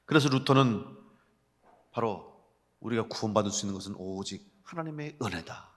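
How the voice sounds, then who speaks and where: A male pastor preaching a sermon to his congregation, asking rhetorical questions and swinging between loud emphatic calls and soft low asides. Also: animated, moderate pace. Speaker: senior pastor. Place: church sanctuary. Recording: long church hall reverb.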